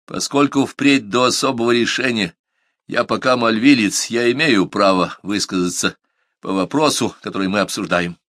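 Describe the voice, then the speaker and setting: A man's voice: fairly low pitch, moderate pace, a bit bright, no room sound, clean studio sound, close to an everyday voice. A man voicing a proud, stubborn young man. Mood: firm.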